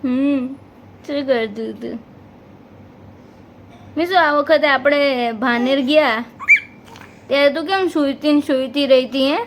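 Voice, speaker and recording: A woman's voice: sits high, slow, pauses often, slight background noise, rough recording. A woman with a Gujarati accent filming her baby on a handheld phone at home, cooing and teasing in sing-song baby talk.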